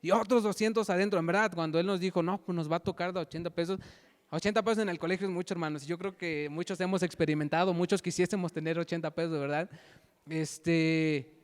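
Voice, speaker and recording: A young man giving a personal testimony in a sermon, halting and repeating words, often asking "¿verdad?". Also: high-pitched, fairly even intonation, clean tone. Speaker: lay preacher giving testimony. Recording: long hall reverb.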